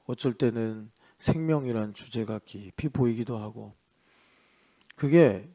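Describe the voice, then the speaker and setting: A male pastor with a medium-pitched voice preaches an early-morning sermon in a church. He's chatty, asks rhetorical questions, and swings between loud and soft.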